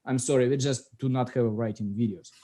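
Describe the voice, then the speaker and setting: This mid-range male voice stays steady and mellow while moving fairly quickly. He's a middle-aged app founder with a Russian accent, hosting a casual video call chat about his app and regularly groping for words.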